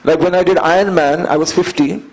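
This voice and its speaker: A man in his fifties with an Indian English accent and a voice pitched a little above the usual male range. He speaks as an interview guest, earnest and measured, and drives his points home by repeating phrases. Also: fairly even intonation, poor audio. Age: 50s. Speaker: guest, endurance athlete. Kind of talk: conversational storytelling interview.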